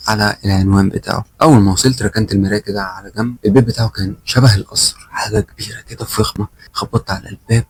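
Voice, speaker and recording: A young man with an Egyptian Arabic accent tells a first-person horror story at a rapid clip. His voice sits a little low and comes across husky. He talks in a loose, conversational way and slips into the lines of the people in his tale. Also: steady tone, dry recording. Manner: fast, conversational retelling with quoted dialogue.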